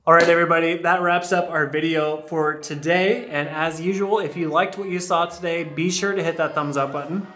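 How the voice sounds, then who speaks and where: A man's voice: a little high, steady tone, a little fast, hardly any pauses, sharp tone, slight background noise. A man co-hosting a casual vlog, goofy and teasing as he jokes along. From United States. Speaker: co-host of a couple's vlog.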